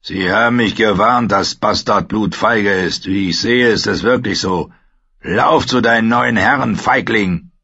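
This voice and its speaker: A man's voice: lowish voice, a little slow, vocal fry, bright, forceful tone, breathy edge, no room sound, highs cut off, full character voice. A man voicing a cold, stern veteran ranger in an audiobook. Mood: contemptuous.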